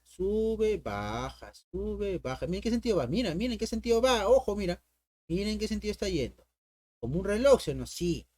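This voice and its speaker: A man's voice: high-pitched, expressive, fast talker, mellow, dry recording. A man teaching an online math lesson in a playful, coaxing way. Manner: playful, coaxing, talks to viewers and imagined students.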